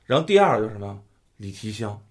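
A man's voice: lowish voice, very animated, fast. Guy hosting a soccer podcast, voice jumps all over, laughs a lot, swears here and there. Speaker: podcast host. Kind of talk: casual football chat.

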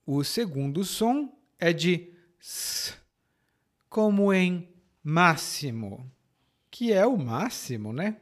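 A man from Ceará with a Brazilian Portuguese accent from that state, teaching a podcast lesson and spelling out example words slowly and carefully. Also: high-pitched, sing-song, a little mellow. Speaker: language teacher.

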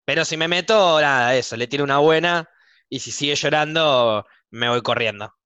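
A man's voice: fairly high pitch, normal speed, sharp tone, smooth, no room sound, highs cut off. A man with a Rioplatense Argentine accent telling stories bluntly and jokingly in a casual podcast chat, with lots of slang. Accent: Rioplatense Argentine Spanish.

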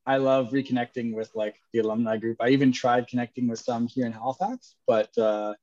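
A man's voice: mid-range voice, fairly even intonation, brisk, darkish tone. A man in his thirties, an entrepreneur guest chatting casually, upbeat and joking. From Canada. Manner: upbeat, joking, laughs often. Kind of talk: casual interview chat. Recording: dull lo-fi sound.

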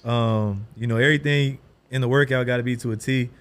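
A man's voice: mid-range voice, steady tone, a little fast. A young man talking casually as a podcast guest, with slangy, bro-heavy jock talk. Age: young adult. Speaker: athlete guest.

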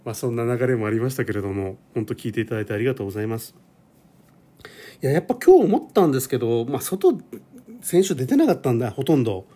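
A man's voice: mid-range voice, sing-song, quick pace, mellow, husky. A man in his forties hosting a casual solo podcast, rambling and self-deprecating with lots of fillers. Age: 40s. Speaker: podcast host. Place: home.

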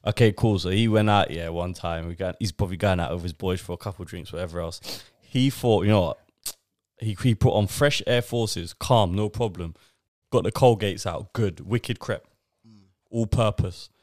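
A man's voice: low voice, normal speed, a little mellow, no room sound. Young London man, slangy casual banter. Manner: slangy, repeats phrases for emphasis. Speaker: podcast host.

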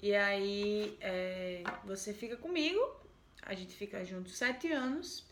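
Brief: a lonely, wheedling fisherman, as a woman storyteller puts him on, soft and hushed, in a roomy space. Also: medium pitch, slow pace, a little hiss or hum. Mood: coaxing. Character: lonely, coaxing male fisherman.

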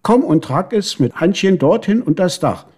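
A man's voice: sits high, lively intonation, moderate pace, darkish tone, slightly rough, voice pushed up. A man voicing a firm but kind motherly neighbor beetle, in a storybook reading.

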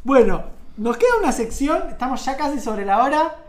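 A woman's voice: sits high, a little fast. A woman with an Argentine accent hosting a radio show, chatting casually and reading out listener messages. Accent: Rioplatense Argentine Spanish. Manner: lively, reads out listener messages. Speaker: radio host.

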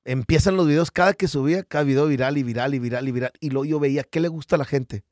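A Mexican man with a Mexican Spanish accent, a podcast guest in casual chat, telling stories in a lively, slangy way and acting out what people said. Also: mid-range voice, fast talker, no echo, clean studio sound. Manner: animated storyteller who acts out quotes, slangy and profane. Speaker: podcast guest, business founder.

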